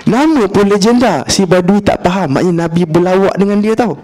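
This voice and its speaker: Malaysian male preacher, colloquial and playful, acts out the dialogue; voice sits a bit high. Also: fairly quick. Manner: lively, humorous, acts out dialogue; colloquial, mixes in English words. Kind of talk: religious lecture storytelling.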